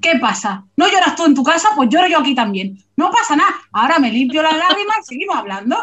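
Woman, book club host, emphatic and playful; slightly high voice, muffled lo-fi sound. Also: big pitch swings, fast, fairly bright tone. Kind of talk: casual book chat.

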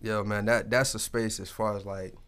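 A man's voice: on the low side, moderate pace, clean tone. A man telling personal stories in casual, candid conversation, colloquial and peppered with swearing. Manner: colloquial, sweary, animated storytelling.

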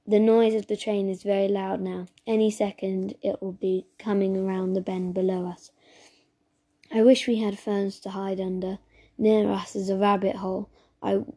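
A woman reading a children's story aloud as narrator, steady and even, with small slips. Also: medium pitch, husky.

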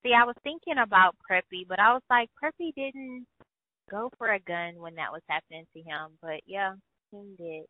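A woman's voice: mid-range voice, normal speed. A woman co-hosting a casual book podcast, giving brief, dry replies. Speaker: podcast co-host. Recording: tinny phone-like dry audio.

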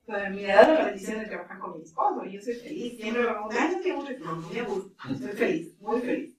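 A woman's voice: mid-range voice, quick pace, darkish tone. A middle-aged woman in ministry, telling stories animatedly in an interview and laughing often. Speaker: ministry leader. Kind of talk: interview conversation. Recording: roomy, distant mic, faint ambience.

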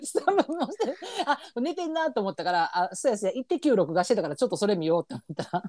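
A woman's voice: medium pitch, very animated, very fast, mellow, no room sound, studio quality. A woman with a Kansai accent telling stories and chatting casually as a podcast co-host. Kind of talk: casual chat, storytelling.

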